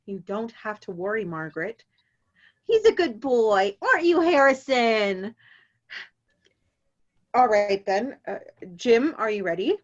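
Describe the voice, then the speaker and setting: A woman reading the part of a calm male therapist who speaks in a patient, reassuring way. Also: a little high, unhurried, long pauses. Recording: dull lo-fi audio.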